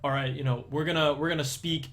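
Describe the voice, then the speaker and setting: Livestreaming and chatting loosely with his audience, this young Dane rambles and restarts often, his Danish accent leaning toward American English. He speaks fast, with a voice on the high side that is fairly even in intonation and a bit bright.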